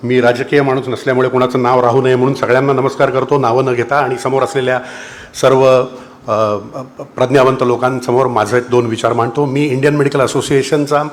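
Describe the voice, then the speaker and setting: A man with a Marathi accent, a doctor, giving a formal, measured speech at a public meeting, with a few hesitations. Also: mid-range voice, little pitch movement. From India. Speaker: doctor addressing a political meeting.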